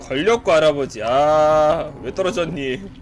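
A man casually commentating his own horror game match, reacting excitedly and laughing at the action. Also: on the high side, a little slow, soft background music. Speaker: game streamer.

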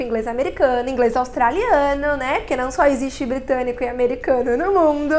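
A woman from Brazil teaches English pronunciation in a relaxed, chatty way. Her voice sits high and bright. She keeps sounding out the vowels as she explains them. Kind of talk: casual video lesson.

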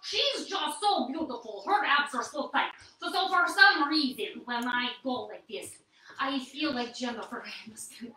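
A woman's voice: sits high, expressive, normal speed, pushed and bright, heavy reverb, far from the mic, low-quality recording. A woman leading a live-streamed yoga core workout in a stilted, put-on persona voice, coaxing and encouraging her viewers. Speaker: workout instructor.

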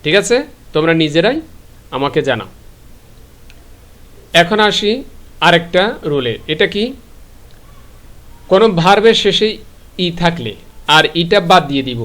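Bangladeshi male tutor, slightly high voice, live-stream lesson, rhetorical question-and-answer delivery. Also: animated, unhurried, pauses often, a bit bright. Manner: asks questions and answers them himself. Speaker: English grammar teacher. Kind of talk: live online grammar lesson.

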